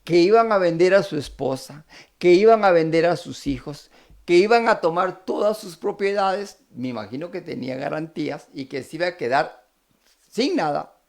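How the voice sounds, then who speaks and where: A man's voice: high-pitched, vocal fry. A man with a Costa Rican Spanish accent preaching a sermon, acting out the characters' pleas as he retells a parable. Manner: animated, acts out the characters' pleas.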